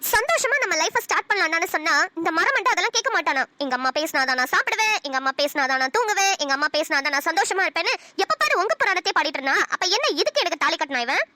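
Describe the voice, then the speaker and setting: A woman voicing a fiery, sharp-tongued young wife in a cartoon, scolding in a rapid-fire stream. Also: extremely high pitch, big pitch swings, slight background noise, exaggerated voice. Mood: ranting. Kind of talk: cartoon voice acting.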